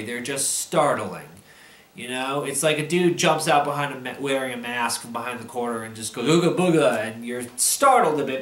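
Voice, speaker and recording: Drunk, exasperated man ranting, swinging wildly in pitch. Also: fairly bright tone. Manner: drunk, rambling and losing the thread; angry, exasperated, heavy swearing. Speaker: movie reviewer. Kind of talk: ranting film review. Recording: roomy, echoing voice recording.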